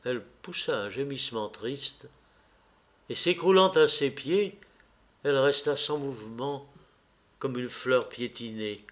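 Slow, measured male audiobook narrator. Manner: slow, low-key dramatic narration. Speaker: audiobook reader. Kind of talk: scripted narration of a classic novel.

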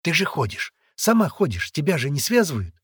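A man's voice: a little high, very animated, fairly quick, breathy edge, dry recording, clean studio sound, pitched above the performer's own voice, exaggerated voice. A man reading aloud and voicing a hot-headed, loyal young boy held captive, who blurts and hisses in agitation. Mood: agitated.

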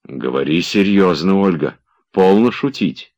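Man doing a fretful gentleman, nervous and insistent, audiobook reading. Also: low-pitched, lively intonation, unhurried, muffled recording, pitched above the performer's own voice. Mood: anxious. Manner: anxious, pressing. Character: anxious, impatient young gentleman, easily alarmed.

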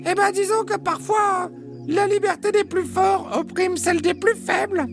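A man squeaking as dithering hens. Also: steady tone, normal speed, vocal fry, soft background music. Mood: relieved. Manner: hesitant, stammering, lots of fillers. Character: flustered dithering female hens. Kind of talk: children's audio story.

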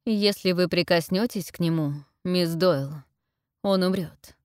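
A woman voicing a menacing aristocratic male cult leader in an audiobook, speaking slowly and coldly with commanding weight. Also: fairly low pitch, darkish tone, clear, resonant tone, dry recording, clean studio sound, lightly acted. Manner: slow, cold and commanding. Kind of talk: audiobook character voice.

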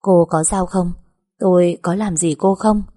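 A woman voicing a gruff young master of a rich household who scolds curtly. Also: on the low side, fairly even intonation, unhurried, dark tone. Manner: curt, scolding.

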